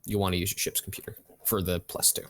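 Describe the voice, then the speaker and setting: A man narrating a tabletop role-playing game as game master, talking casually and haltingly. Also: low-pitched, flat delivery.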